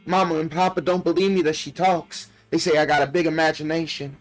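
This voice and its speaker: A man's voice: a little high, little pitch movement, brisk, soft background music, natural voice. A man voicing a frightened little country girl reading her diary, plaintive and folksy, from a video game. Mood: plaintive, uneasy.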